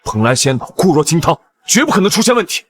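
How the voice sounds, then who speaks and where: A middle-aged man playing a stubborn, quick-tempered sect master and father who scolds his daughter. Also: on the high side, very animated. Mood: angry denial. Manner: commanding, angry outbursts. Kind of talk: dubbed costume drama acting.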